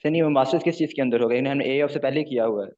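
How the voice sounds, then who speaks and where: A man's voice: mid-range voice, rapid-fire, darkish tone, lo-fi sound. A man, a caller in a live Q&A, asking questions politely and hesitantly, often calling the host sir. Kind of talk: live Q&A call.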